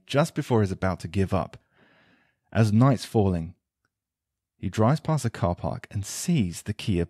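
A man talks and tells a joke in a relaxed, unhurried way. His voice is very deep and dark. The recording is close and dry, with almost no room sound. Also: dry recording. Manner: relaxed, unhurried, with filler ums. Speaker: podcast host, leathercraft teacher. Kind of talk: casual storytelling talk.

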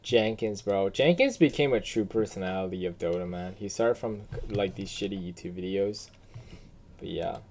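A gaming video creator reacts bluntly and informally, swearing casually in a low, darkish voice at a moderate pace. Keyboard typing and clicks sound in the background over faint noise.

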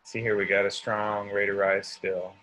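A man's voice: on the low side, flat delivery, normal speed, bright, forceful tone, faint music behind, low-quality recording. A man teaching coffee roasting in a casual live demonstration, thinking aloud and reading numbers off as he works. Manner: thinking aloud, talks through numbers while working.

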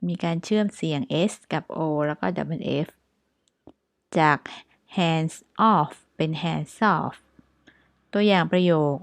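A woman with a Thai accent teaching English phrases, explaining in Thai and repeating each example slowly and carefully. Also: deep voice, no room sound. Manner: reads example sentences very slowly and clearly, twice.

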